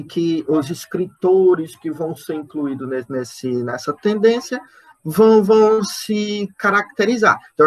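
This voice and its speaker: Slow, searching Brazilian lecturer, a man. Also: high voice, a bit bright. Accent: Brazilian Portuguese. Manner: talks slowly and searchingly, repeating words and checking in with "né?"; counts out poetic syllables and stresses aloud. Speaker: literature lecturer. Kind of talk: online lecture on poetry.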